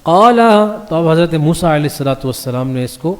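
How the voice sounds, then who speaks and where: A man teaching a class on the Quran in a mosque. He reads each verse slowly, explains it, and keeps checking that his listeners follow. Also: fairly high pitch. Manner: recites the Arabic verses slowly before translating them. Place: mosque hall. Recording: long reverb of a mosque hall.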